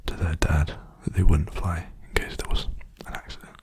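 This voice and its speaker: Male ASMR host, gentle casual rambler; dark mellow tone, hushed delivery that drifts into whispering. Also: low voice, little pitch movement, moderate pace, breathy edge. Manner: hushed, often slipping into whispering. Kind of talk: softly spoken ASMR rambling.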